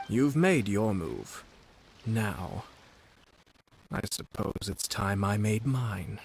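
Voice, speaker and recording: A man voicing a composed, shrewd young noble commissioner in a video game, polite and unhurried with quiet condescension. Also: fairly low pitch, lively intonation, creaky, slight background noise, full character voice. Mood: coolly confident. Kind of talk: dramatic video game acting.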